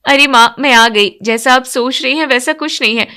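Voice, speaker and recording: Cheeky young sister-in-law, quick and teasing, voiced by a woman narrator. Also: high voice, pushed and bright, clean tone.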